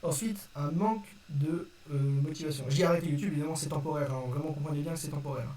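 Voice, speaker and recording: Talking fast in a fairly high, mellow voice, a young creator offers his viewers an unscripted, casual explanation. He hesitates, apologizes, and corrects himself along the way. A faraway mic in a roomy space adds faint noise.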